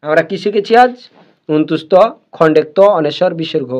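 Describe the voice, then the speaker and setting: A man with a high voice teaches a beginners' reading lesson. He sounds each word out patiently and says it again and again before moving on. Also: a little mellow, lo-fi sound. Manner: slow, repeats words over and over.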